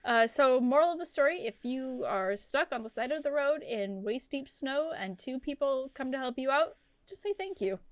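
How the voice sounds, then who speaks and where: A woman's voice: sits high, moderate pace, dry recording. A woman in her late twenties co-hosting a casual podcast, telling stories with quoted asides. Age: 20s. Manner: animated storytelling with quoted asides. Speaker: podcast co-host. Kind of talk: casual chat.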